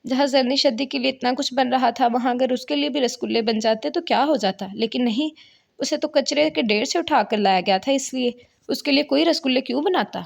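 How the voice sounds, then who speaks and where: A woman reading a romance novel aloud as narrator, in an expressive storytelling manner. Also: high-pitched, vocal fry.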